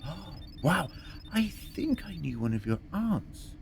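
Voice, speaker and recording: A man's voice: on the high side, sing-song, slow pace, creaky, exaggerated voice. A man playing a whimsical, eccentric time-travelling scientist in an audio drama, flippant, inquisitive and theatrical. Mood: cheeky, excited. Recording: noticeable background noise.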